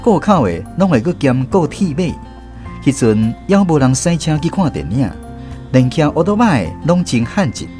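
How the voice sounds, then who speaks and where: Narrating his younger days in a scripted first-person radio drama, this male actor sounds a little high, with big pitch swings at normal speed. He plays a reflective, reminiscing storyteller with a Taiwanese accent, explaining things conversationally as music plays in the background.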